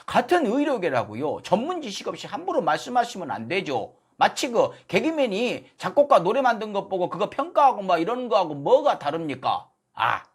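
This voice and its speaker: A man's voice: sits high, breathy edge. A man giving a political commentary monologue, full of sarcastic, mocking rhetorical questions.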